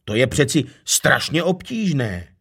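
Man voicing a little curious elf, high eager voice, husky, lively. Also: exaggerated voice. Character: small curious restless male elf.

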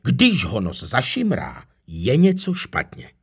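A man voicing a gentle old mountain spirit, husky and wise. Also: medium pitch, wildly swooping pitch, heavily acted. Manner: gentle, wise, smiling storyteller tone. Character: kind old male mist spirit guarding mountains.

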